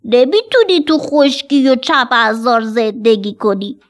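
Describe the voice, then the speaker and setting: A woman voicing a friendly, helpful frog who croaks between her phrases. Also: fairly high pitch, close to an everyday voice. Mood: puzzled.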